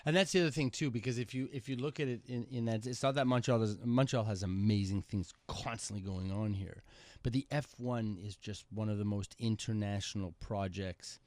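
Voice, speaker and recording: A man's voice: fairly low pitch, fairly quick, a little mellow, dry recording. A man hosting a radio interview, asking long rambling questions. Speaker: radio show host. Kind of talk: casual interview talk. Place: radio studio. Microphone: studio mic.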